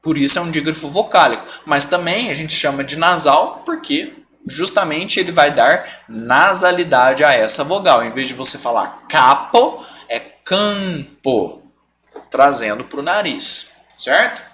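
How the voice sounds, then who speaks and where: A man's voice: on the high side, normal speed, sharp tone, a little hiss or hum. A man teaching a live online lesson, patiently stretching out example sounds and often checking that students follow.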